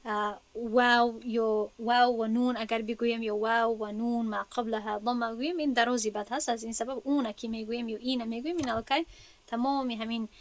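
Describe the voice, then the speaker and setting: A woman's voice: on the high side, steady tone. A woman with a Tajik accent teaching an Arabic grammar lesson, patiently explaining and asking her students questions before answering them herself.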